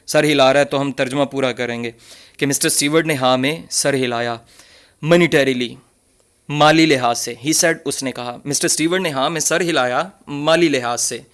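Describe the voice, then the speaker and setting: Man, english teacher, very slow delivery, repeats phrases with synonyms, mid-pitched voice. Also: a bit bright. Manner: reads each English phrase, then repeats it with several synonyms; corrects students' pronunciation. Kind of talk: line-by-line textbook reading and translation.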